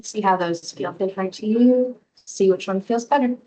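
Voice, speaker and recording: A woman yoga instructor leading a restorative class in a soothing, gently encouraging manner. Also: mid-range voice, normal speed, poor audio.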